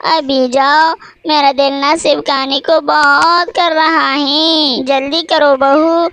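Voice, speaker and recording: A woman's voice: sits high, fairly even intonation, slow pace, a bit bright, a little hiss or hum, exaggerated voice. A woman voicing a cruel, scheming mother-in-law bird in a cartoon, who talks in a demanding, bossy way. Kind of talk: Hindi cartoon voice acting.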